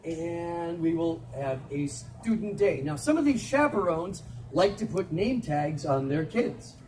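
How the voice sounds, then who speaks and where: A middle-aged man doing live comedic storytelling on an outdoor festival stage, with animated, teasing banter aimed at the audience. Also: on the high side, measured pace, a little hiss or hum. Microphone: handheld phone in the audience. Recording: distant phone recording with crowd. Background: audience laughter.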